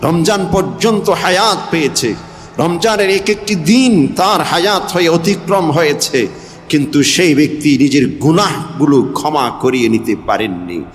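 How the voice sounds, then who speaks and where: A man's voice: fairly high pitch, lively intonation, normal speed, in a large hall, a little hiss or hum. A man preaching a Bengali waz sermon, repeating phrases in rhythm and swinging his voice up and down for emphasis. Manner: rhythmic repetition, voice rising and falling for emphasis.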